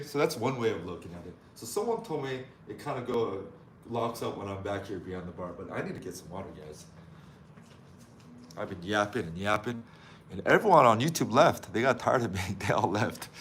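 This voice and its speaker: A man's voice: lowish voice, fairly bright tone, far from the mic. Rambling man in an echoey hotel room. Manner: rambling, chatty, self-correcting. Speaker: vlog host. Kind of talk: casual livestream chat. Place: hotel suite. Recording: echoey room, off-mic, background noise.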